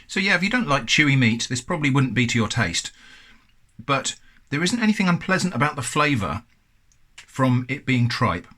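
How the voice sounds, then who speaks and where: A man's voice: medium pitch, big pitch swings, normal speed, bright, forceful tone. An English man hosting a casual food review, chatty and thoughtful with a self-deprecating touch.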